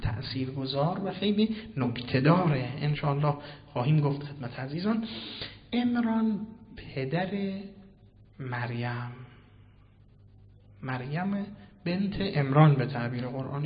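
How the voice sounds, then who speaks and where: Man preaching in a reverberant hall. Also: fairly high pitch. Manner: swings between hushed and loud, declaiming passages; asks and answers his own questions. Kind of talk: Quran commentary sermon. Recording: reverberant hall, dull lo-fi sound.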